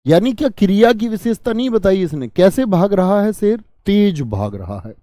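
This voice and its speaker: A man's voice: sits high, sing-song, normal speed, dark tone, no room sound, studio quality. A man teaching an online grammar class. He keeps asking his students questions and then answers them himself. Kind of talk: online exam-prep grammar lesson.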